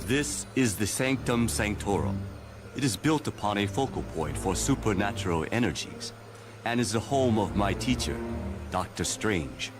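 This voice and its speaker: An actor playing a polite, helpful pupil of a mystic in a video game, speaking formally and courteously. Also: male voice, lowish voice, animated, normal speed, music in the background, lightly acted.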